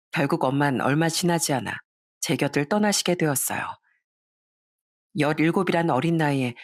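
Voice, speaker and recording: A woman calmly narrating a first-person family story in a reflective tone. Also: sits low, no echo, clean studio sound.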